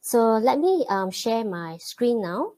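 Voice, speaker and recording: A Malaysian woman, a webinar host and programming teacher, greets attendees and gives an introduction in a live online webinar. She's friendly, with many fillers and pauses. Her voice is slightly high with big pitch swings and a darkish tone.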